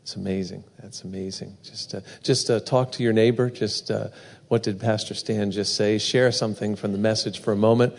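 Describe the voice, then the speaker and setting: A man's voice: lowish voice, steady tone, moderate pace, gravelly, hardly any pauses. A male church host giving casual announcements and introducing the next speaker, hesitant and full of fillers. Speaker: service host. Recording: echoey hall.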